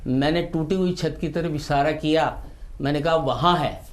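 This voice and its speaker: A man reciting humorous poetry, telling the story in an unhurried way with comic timing. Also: a little high, steady tone, a little mellow. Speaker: poet.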